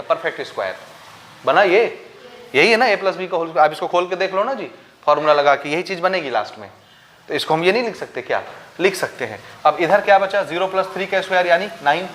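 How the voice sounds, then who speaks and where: Speaking in a high, somewhat bright voice, this Chhattisgarh-accented maths teacher explains every step of a board-style lesson. He asks the class questions, then supplies the answers himself, dropping English maths terms into Hindi.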